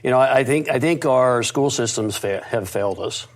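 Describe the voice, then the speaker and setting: This middle-aged American man, appearing as an interview guest, recounts his life story with confidence and reflection, though he stutters and restarts at times. His voice sits at medium pitch and moves at a normal speed.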